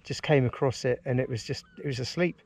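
Fast and creaky in a mid-range voice, a man in his forties from England narrates a vlog from his kayak on a river. He speaks to the boat's mounted action camera in a relaxed, enthusiastic way, with lots of fillers.

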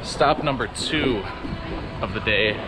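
A young man hosting a casual travel vlog, chatting easily and thinking out loud as he walks around the city. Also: mid-range voice, slow pace, loud music behind the voice. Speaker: vlogger. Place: city streets outdoors. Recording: loud street noise. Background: loud traffic noise.

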